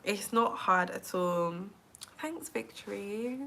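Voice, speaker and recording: Young woman from England, bright tone, rambling live-stream vlogger who says "like" a lot. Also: mid-range voice, takes it slowly, creaky, slight background noise. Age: 20s. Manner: chatty, says "like" constantly, animated. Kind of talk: casual live-stream chat.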